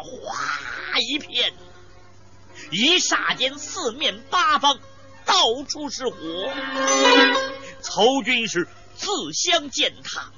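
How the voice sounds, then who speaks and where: Slow, lively woman storyteller. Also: fairly high pitch, dull audio. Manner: dramatic, emphatic, with sound words. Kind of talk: traditional storytelling narration.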